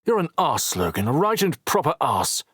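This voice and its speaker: A man's voice: medium pitch, lively intonation, brisk, no room sound, clean studio sound, pitched above the performer's own voice, natural voice. A man narrating an audiobook voices an injured, determined man who talks earnestly, teases, and snaps back. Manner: earnest, teasing, snappish.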